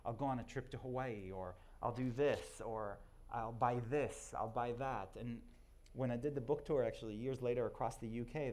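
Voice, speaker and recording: A man from Israel with Hebrew as his first language speaks to a live audience in a loose, conversational way, often restarting his sentences. His pitch sits in the middle range, and at times he drifts a little further from the mic. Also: a little mellow. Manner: conversational, self-deprecating, halting restarts.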